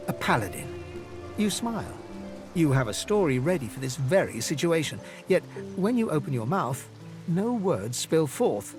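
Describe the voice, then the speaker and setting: A man narrating a fantasy video game in the second person, with measured, dramatic storytelling. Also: on the high side, big pitch swings, music in the background.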